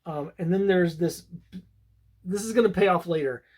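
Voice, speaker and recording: A man's voice: high-pitched, moderate pace, darkish tone. A man casually reviewing an old comic book, talking in a rambling, conversational way with many fillers and restarts.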